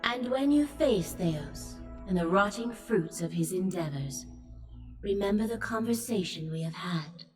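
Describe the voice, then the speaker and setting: An actress playing a regal, motherly sky goddess in a fantasy game, speaking in a solemn, lofty, measured goddess voice. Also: lowish voice, animated, recorded from a distance, low-quality recording. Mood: solemn, imploring. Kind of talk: fantasy video game voice acting. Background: game music.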